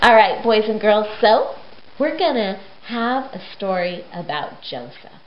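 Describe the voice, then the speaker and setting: Speaking unhurriedly in a medium pitch that rises and falls widely, a woman tells young children a Bible story in simple, emphatic language, stopping to ask them questions. Hiss runs through the dull, roomy, lo-fi recording.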